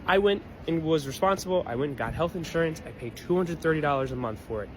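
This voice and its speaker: A man's voice: fairly high pitch, expressive, quick pace, background noise. Furious swearing young man ranting. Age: 20s. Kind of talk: angry vlog rant.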